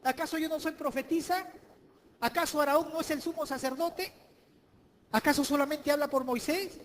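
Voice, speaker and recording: A man's voice: extremely high pitch, fairly even intonation, moderate pace, in a large hall, a little hiss or hum, voice pushed up. A male preacher voicing a jealous, indignant woman prophet who fires off rising questions.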